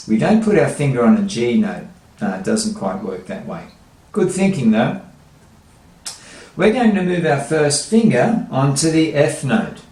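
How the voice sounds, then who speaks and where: A male guitar teacher gives a lesson for children, talking at an unhurried, deliberate pace. He explains every move patiently and step by step. The room has a roomy echo, with faint guitar music behind him. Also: mid-range voice, a little mellow.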